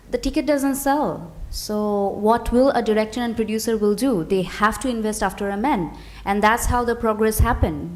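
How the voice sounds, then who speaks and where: A woman from Bangladesh, an actor speaking fluently and with emphasis on a festival panel. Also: on the high side. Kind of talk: panel discussion.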